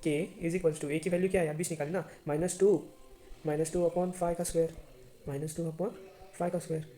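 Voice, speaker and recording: A man's voice: a little high, flat delivery, moderate pace, dark tone. A man teaching a math lesson to students, chatty and often checking if they understand.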